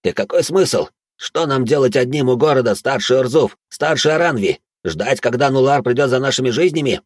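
A man's voice: mid-range voice, lively intonation, normal speed, no echo, clean studio sound, voice pushed up, lightly acted. A man voicing an earnest young male junior who anxiously questions his elders.

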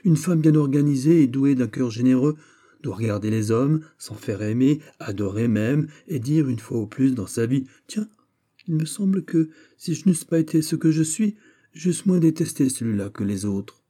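A man's voice: medium pitch, animated, normal speed, warm tone, voice pushed up, close to an everyday voice. A man voicing a haughty, disdainful young woman at court in an audiobook. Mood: scornful. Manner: disdainful, lofty.

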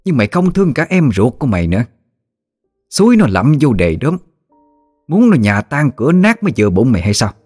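A man's voice: mid-range voice, sing-song, a little fast, a little mellow, breathy edge, soft background music. A man doing a furious old grandmother. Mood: scolding. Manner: harsh, accusing tirade. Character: furious old grandmother scolding her in-laws.

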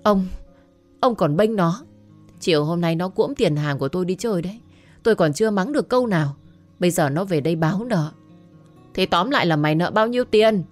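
A woman voicing a furious middle-aged mother who scolds in rapid, shouting bursts. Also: fairly low pitch, lively intonation, faint music behind. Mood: indignant.

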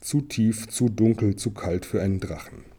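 A man reading an audiobook aloud in steady storytelling narration, with small slips now and then. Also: on the low side, moderate pace, breathy edge. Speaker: audiobook reader.

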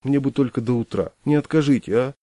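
Storybook stranger, hesitant and apologetic, voiced by a male narrator, soft and mellow. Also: mid-range voice, fairly quick, no room sound, lightly acted. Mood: polite hesitant. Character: tipsy, then sheepish polite middle-aged man.

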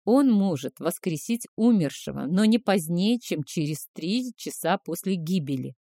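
Calm commanding male clan leader in an audiobook , read by a woman, mellow dry voice. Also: lowish voice, measured pace, no room sound. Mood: calm, planning.

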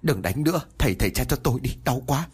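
A man's voice: lowish voice, sing-song, brisk, husky. A man doing a wailing angry male ghost. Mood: pleading. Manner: shouting, whining and sobbing. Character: angry possessed ghost of a man, defiant then pleading.

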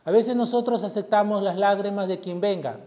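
A man preaching a sermon as pastor, impassioned, swelling loud and then dropping low. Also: brisk. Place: church hall. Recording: long hall reverb.

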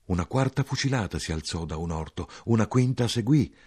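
A man narrating a literary audiobook in a measured, dramatic way that lifts when he voices dialogue. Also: lowish voice, animated, darkish tone, breathy edge. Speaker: audiobook reader.

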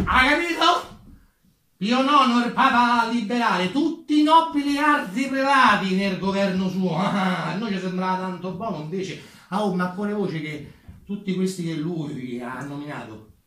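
A man's sharp, high-sitting voice carries a Roman Italian accent as he performs history solo on stage, entertaining the audience with ironic, colloquial asides. The distant microphone leaves the very echoey room prominent.

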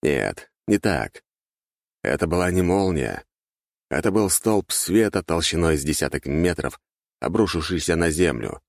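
A male narrator reads a fantasy audiobook in a very low, gravelly voice. His delivery is steady and dramatic. The recording is dry and close-miked. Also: a little slow, dry recording.

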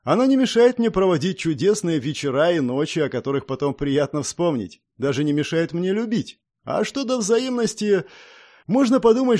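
A man's voice: a little high, a little mellow. A man voicing a wry cursed young charmer. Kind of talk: audiobook character voice.

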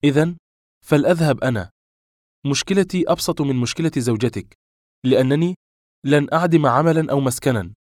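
A distressed young woman, as a male audiobook reader puts her on, fires off pointed questions, her voice raised higher and louder than the narration around her. The sound is dry and close, with no room around it. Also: animated, quick pace, no echo, lightly acted. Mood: sharp, hurt. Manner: sharp, urgent questioning.

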